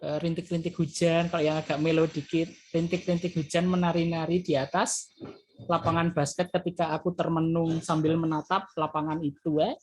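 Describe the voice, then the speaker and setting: A male teacher reviewing for an exam, explaining loosely and hesitantly with frequent filler tags and addressing his students as children. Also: on the high side. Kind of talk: classroom exam review lesson.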